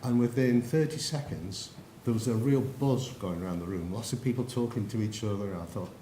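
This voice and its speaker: A man with an English accent and a lowish, warm voice gives a brisk conference presentation, telling anecdotes and addressing the audience directly. It's recorded in an echoey lecture room with faint noise.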